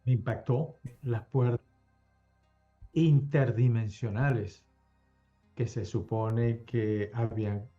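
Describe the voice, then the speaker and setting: A man hosting a podcast, raising topics in a tentative, unhurried way. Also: medium pitch, fairly even intonation, warm tone, soft background music. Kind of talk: casual podcast conversation. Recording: dull lo-fi audio.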